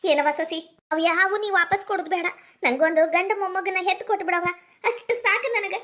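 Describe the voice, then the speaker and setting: A woman's voice: very high voice, fairly quick, sharp tone. A woman playing a doting older village mother-in-law in a comedy skit, with a North Karnataka accent and a fondly scolding, coaxing way of talking. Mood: tender. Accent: North Karnataka Kannada.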